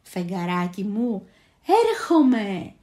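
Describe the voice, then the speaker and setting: A woman's voice: medium pitch, sing-song, warm tone, echoey room, close to an everyday voice. A woman voicing a small, eager young male moon-coverer in a storybook tale, who talks earnestly and cries out with all his strength. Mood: eager calling.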